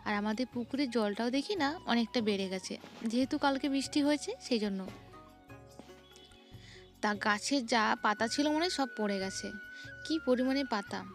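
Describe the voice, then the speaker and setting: A woman's voice: fairly high pitch, normal speed, long pauses, faint music behind. A young woman, narrating her morning chores in a chatty home vlog. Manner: chatty, describing chores as she goes. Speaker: vlogger.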